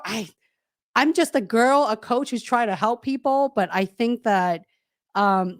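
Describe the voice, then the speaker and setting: A woman career coach speaking casually and frankly on a video call, animated and calling out her listeners. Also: mid-range voice, no echo, clean studio sound. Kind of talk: casual webinar talk.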